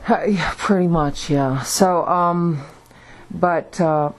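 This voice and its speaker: Woman with a low morning voice, rambling solo vlog, lots of uhs and restarts. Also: rough recording. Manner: halting, many fillers and restarts. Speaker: video blogger.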